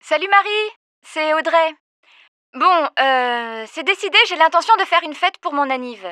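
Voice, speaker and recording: A young woman leaves a casual voicemail for a friend, talking in a chatty way and pausing now and then on fillers. Her voice sits high and sounds bright and clear. It is recorded close and dry, with no room around it. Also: expressive, dry recording. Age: 20s. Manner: chatty and informal, with hesitant fillers. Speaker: caller leaving a voicemail. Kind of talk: scripted voicemail role-play for a language lesson.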